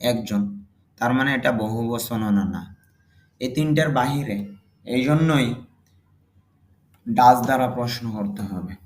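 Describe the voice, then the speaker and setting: A man with a Bangladeshi accent teaching a spoken English lesson, saying each English example sentence slowly and loudly, then explaining it more quietly. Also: mid-range voice.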